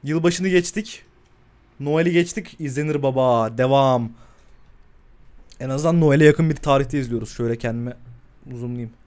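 A man's voice: mid-range voice, normal speed, long pauses, a little mellow. A man streaming live and reacting to horror shorts, talking back to the screen, cursing and yelping when startled.

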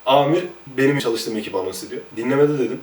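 A man, a former police officer, telling casual stories about his time on duty in a lively, chatty way. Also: mid-range voice, fast talker, echoey room, recorded from a distance, a little hiss or hum. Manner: lively, chatty, jumps between anecdotes. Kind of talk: casual anecdotal storytelling.

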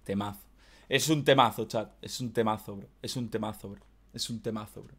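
A man with a Valencian Spanish accent, hosting a casual music reaction and excitedly repeating his praise in slang. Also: lowish voice, brisk, heavy background noise. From Spain. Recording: loud music playing behind.

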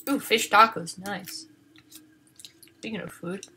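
Excitable woman muttering over a game. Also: medium pitch, slow pace, slight background noise. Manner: excitable, swears, shrieks in panic then mutters quietly. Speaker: gaming video host. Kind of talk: casual game commentary.

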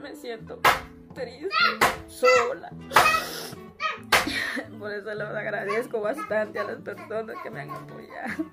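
A young Guatemalan woman speaks in a fairly high voice, recounting her struggles with tears close to the surface. She keeps slipping into the words she said to her children. Loud music runs under the recording. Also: wildly swooping pitch, slow pace, pauses often. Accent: Guatemalan Spanish. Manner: tearful, retells conversations in quoted speech. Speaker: interviewee, struggling mother. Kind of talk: emotional personal account.

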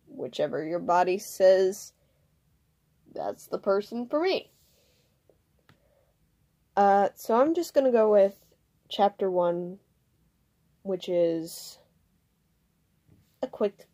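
A woman introduces her own fan fiction in a casual ask-blog style. She speaks slowly with a dark, mellow tone, relaxed and a little hesitant, with many fillers along the way. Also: mid-range voice. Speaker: fan fiction author and reader.

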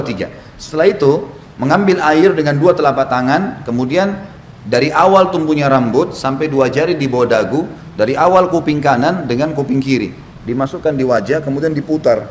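Man preaching, demonstrating step by step. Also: mid-range voice. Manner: explanatory, demonstrating with gestures, repeats counts slowly. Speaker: Islamic preacher. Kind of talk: religious lecture demonstrating steps. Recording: echoey room with faint noise.

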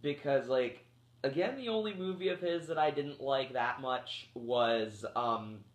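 In an echoey room, a man of about thirty with a medium-pitched voice and a slightly slow delivery rambles through a movie review. He's recovering from a cold that keeps making him cough, and his talk is loose, packed with fillers and restarts.

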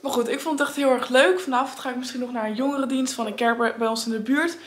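A young woman in her late teens, with a high voice and fast delivery, chats upbeat and enthusiastic to a handheld phone camera. She's a family vlogger, and this is casual vlog talk straight to camera.

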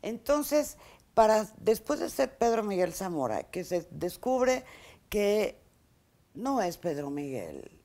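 A woman's voice: medium pitch, very animated, takes it slowly, warm tone. A middle-aged woman hosting an interview show in a small studio, welcoming viewers and guiding the conversation with questions. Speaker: talk show host. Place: small indoor studio set, seated in armchair.

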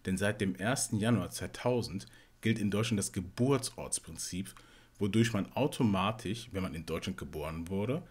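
Man, from Togo, panelist, very deep voice, husky, analytical. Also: moderate pace, a little mellow. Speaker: discussion panelist. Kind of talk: casual discussion.

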